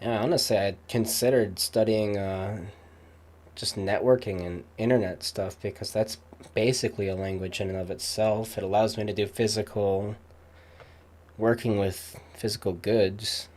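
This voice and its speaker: A young man chatting casually, rambling with many fillers and pauses. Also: fairly low pitch, steady tone, darkish tone. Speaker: streamer. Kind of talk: casual chat.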